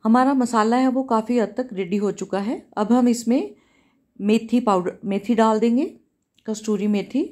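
In her home kitchen, a woman who hosts a cooking channel walks through each recipe step calmly and instructively, often repeating herself. Her voice is a little high yet warm and mellow, and she speaks at a moderate pace.

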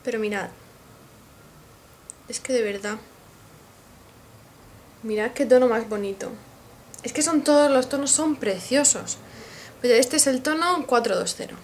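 A woman's voice: a little high, unhurried, long pauses, slight background noise. Gushing Spanish-accented beauty vlogger woman. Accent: Spain Spanish. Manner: gushing, excitable, addresses viewers directly. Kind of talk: casual makeup haul video.

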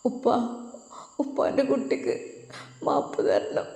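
A remorseful young daughter in a storybook, pleading through tears, voiced by a woman narrator. She speaks in a fairly high voice. The sound is roomy, with a long reverb. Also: normal speed, darkish tone, natural voice. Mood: tearful. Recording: echoey room with long reverb.

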